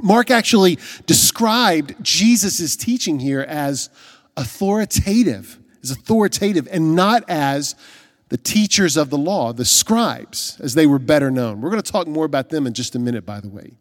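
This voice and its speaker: A man's voice: on the high side, animated, moderate pace, big-room sound. A man preaching a sermon as a pastor, earnest and emphatic, with rhetorical questions.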